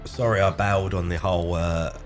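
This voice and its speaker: A man's voice: deep voice, flat delivery, a little fast. A man co-hosting a let's play with his wife, joking and teasing in casual chat, still drowsy. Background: game music.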